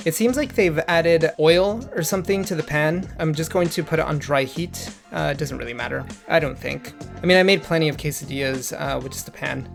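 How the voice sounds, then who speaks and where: Gravelly young man explaining a recipe. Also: fairly high pitch. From Mexico. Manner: relaxed step-by-step explaining, friendly asides. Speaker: cooking channel host. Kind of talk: casual cooking vlog. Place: home kitchen.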